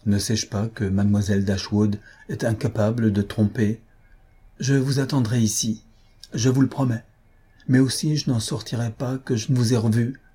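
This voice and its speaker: A man voicing an impassioned remorseful gentleman. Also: medium pitch, fairly even intonation, normal speed, slightly rough, lightly acted. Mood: pleading. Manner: impassioned, earnest and pleading. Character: impetuous, remorseful young gentleman, pleading. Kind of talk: audiobook reading.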